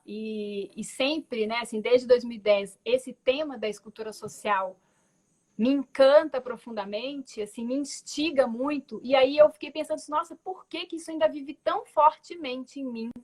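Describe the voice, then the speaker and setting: A guest artist on a video call, this Belo Horizonte woman in her forties has a high-sitting voice with a darkish tone at normal speed. Her Minas Gerais Portuguese storytelling is thoughtful and conversational, with frequent restarts and tag words.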